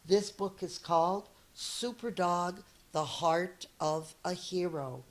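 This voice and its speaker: A middle-aged elementary school teacher reads a picture book to children, her voice slightly low and her pace very slow and deliberate. She reads expressively and slips in small chatty asides along the way.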